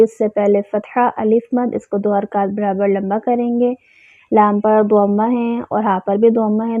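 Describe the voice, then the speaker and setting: Flat-voiced woman teaching recitation. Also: medium pitch, no echo. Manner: slow drawn-out recitation between plain explanations. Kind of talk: tajweed lesson. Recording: tinny phone-like sound, dry.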